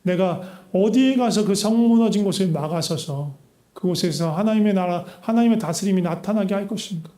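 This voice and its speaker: Male pastor, high mellow voice, earnest sermon full of rhetorical questions, echoey church sanctuary. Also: normal speed.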